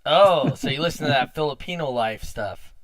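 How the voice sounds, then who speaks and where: A man hosting a casual car audio podcast livestream, chatty and quick to laugh. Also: fairly high pitch, animated, a bit bright, no echo. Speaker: podcast host.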